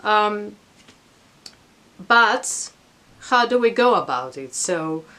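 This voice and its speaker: A woman's voice: mid-range voice, lively intonation, drawn-out words, pushed and bright. A middle-aged woman giving an informal explanatory talk to camera in a reflective, earnest, conversational manner. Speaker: vlogger. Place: attic at home.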